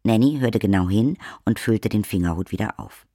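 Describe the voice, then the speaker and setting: A man's voice: fairly low pitch, moderate pace, warm tone, no echo. Man narrating a fantasy audiobook, dry sound. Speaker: audiobook reader. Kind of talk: scripted narration.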